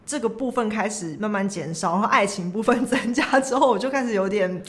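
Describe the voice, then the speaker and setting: A woman co-hosting a podcast, talking in a measured way and asking curious, teasing questions. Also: medium pitch. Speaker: podcast co-host. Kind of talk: casual chat.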